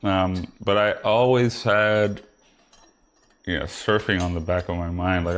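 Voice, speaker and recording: With slight background noise, a deep-voiced Puerto Rican man in his forties chats as a guest; he is a foiler. His manner is easygoing and meandering, packed with fillers such as "you know."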